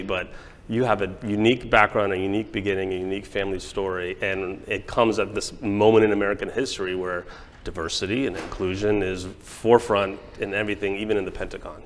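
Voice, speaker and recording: A man with a fairly low voice asks his questions in a chatty style, slipping in jokes and quick asides. His voice echoes with a long reverb from a large hall. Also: fairly bright tone, a little hiss or hum. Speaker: interviewer. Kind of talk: conversational interview questions.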